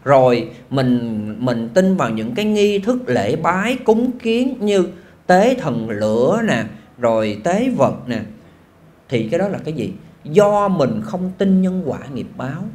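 A man, a monk giving a sermon in an animated, folksy storytelling way with frequent exclamations. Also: a little high, a little slow. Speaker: monk giving a Dharma talk.

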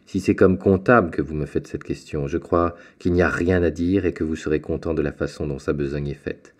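A man's voice: a bass voice, fairly even intonation, a little fast, a little mellow. Man voicing an earnest young sailor. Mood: respectful. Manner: earnest, respectful.

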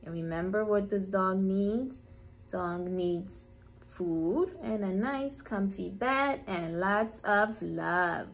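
A woman who is a preschool teacher, reading a picture book to young children in a gentle storytime voice. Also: mid-range voice, creaky, rough recording. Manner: gentle, slow, sing-song storytime delivery.

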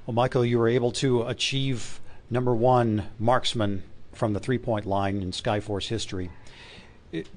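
A man interviewing a coach and a player after a game, asking polite questions with halting restarts. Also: medium pitch, fairly even intonation, darkish tone. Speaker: team media interviewer.

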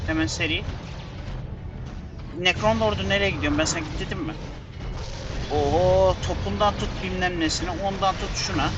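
A man's voice: high voice, background noise. A man giving casual let's-play commentary, muttering to himself in exasperation and urging his units on. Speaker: gameplay commentator.

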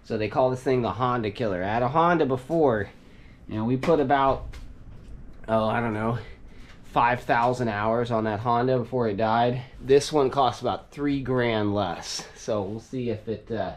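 A man's voice: medium pitch, normal speed, a little hiss or hum, poor audio. A man in his thirties vlogging casually outdoors on a snowy homestead, explaining his gear as he works, recorded on a handheld action camera. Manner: easygoing, explains gear while working, chuckles often. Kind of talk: casual vlog talk to camera. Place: outdoors in snow on a rural homestead. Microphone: action camera held or strapped on.

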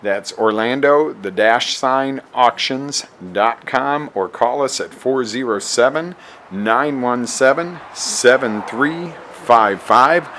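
A man hosting a promotional walkthrough of an auction showroom, making an upbeat sales pitch and repeating times and addresses, recorded on a handheld camera mic while he walks around. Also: slow pace, a bit bright, slight background noise. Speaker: auction house host.

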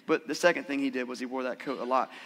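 Bright-voiced pastor preaching in a reverberant hall. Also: male voice, medium pitch, fairly even intonation, fast talker. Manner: conversational, asks the congregation questions. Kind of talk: sermon. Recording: church hall with long reverb.

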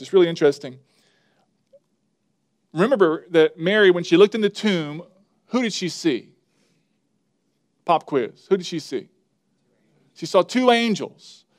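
This is a male pastor delivering a sermon in a plain, earnest, conversational way. His voice sits slightly higher than most men's. He leans into key phrases with rising emphasis.

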